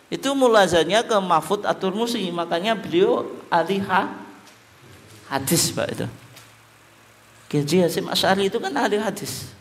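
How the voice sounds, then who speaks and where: A man giving a religious study lecture, asking his listeners questions and answering them himself. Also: sits high. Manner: lively, asks the audience questions and answers them himself, addresses them as Pak. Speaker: religious teacher.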